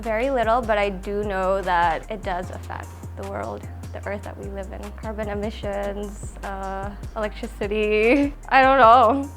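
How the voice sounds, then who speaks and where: A woman's voice: medium pitch, lively intonation, a little slow, hardly any pauses, music in the background. Upbeat young woman in her twenties. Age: 20s. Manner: upbeat, candid, mostly in English. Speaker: writer.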